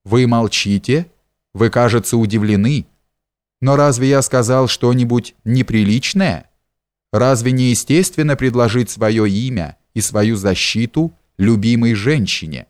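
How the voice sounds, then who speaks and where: Male reader as a worldly, bold gentleman in an audiobook: teasing, familiar, dry close voice. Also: medium pitch, measured pace, no echo, natural voice. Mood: pressing. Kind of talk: audiobook character reading.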